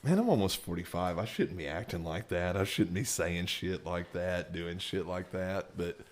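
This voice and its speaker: Low-voiced joking man. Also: normal speed. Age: 40s. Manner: self-deprecating, joking, profane. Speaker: podcast co-host. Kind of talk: casual podcast banter.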